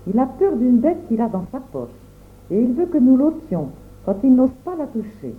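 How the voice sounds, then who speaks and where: Man voicing a scornful young girl, lively teasing lilt, phone-line audio. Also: very high-pitched, normal speed, voice pushed up. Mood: mocking. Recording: tinny phone-like sound.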